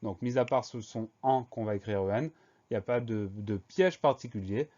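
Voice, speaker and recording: A male teacher talks through a spelling lesson in a medium-pitched voice, steady and methodical, spelling each word letter by letter. The recording is slightly dull and lo-fi. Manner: slow, clear, methodical dictation.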